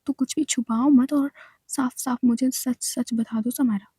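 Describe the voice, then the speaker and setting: A firm, probing female doctor from a storybook who presses for straight answers with calm authority, put on by a woman reading. The voice is high but dark and mellow in tone. It is recorded close and dry. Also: a little slow, husky, dry recording.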